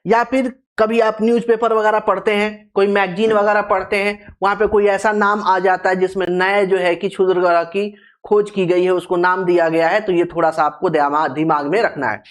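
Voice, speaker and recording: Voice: medium pitch, little pitch movement, normal speed. Teacher drilling terms by repetition. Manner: repeats key terms, poses questions and answers them itself; stretches out terms syllable by syllable for emphasis. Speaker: geography teacher. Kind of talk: exam-prep classroom lecture.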